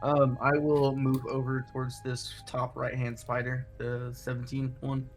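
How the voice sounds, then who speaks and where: A man's voice: medium pitch, monotone, a little slow, rough recording. A man playing a tabletop game, bantering casually with slangy, joking remarks. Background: faint music.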